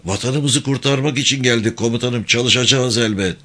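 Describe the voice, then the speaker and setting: A man voicing a calm, steady volunteer soldier who talks low and reassuring. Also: moderate pace.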